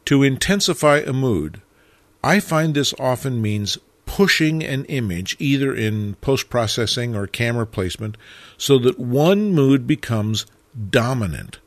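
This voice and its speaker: Guy calmly explaining photo composition, mid pitch, dry close mic. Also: unhurried, no echo. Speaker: photography teacher. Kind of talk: scripted narration.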